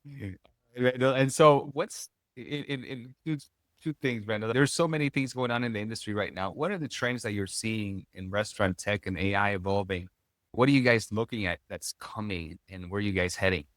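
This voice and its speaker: A man's voice: fairly low pitch, moderate pace, a bit bright, no room sound, studio quality. A man hosting a podcast, asking friendly, chatty questions and rambling through his own thoughts. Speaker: podcast host. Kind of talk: casual podcast interview.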